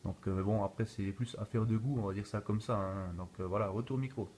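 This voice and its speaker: A man with a fairly low, darkish voice speaks a little fast with fairly even intonation. He's an amateur radio operator chatting in a casual, easygoing way during a radio contact. It was filmed on a phone in video mode in a noisy room.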